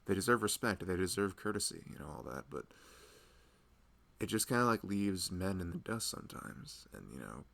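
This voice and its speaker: In an ASMR roleplay, a young man plays a loving, earnest husband chatting casually and intimately with his pregnant wife, rambling and halting as he talks. His full character voice sits low, sing-song and gravelly with a fairly bright tone, and the mood is earnest and tender.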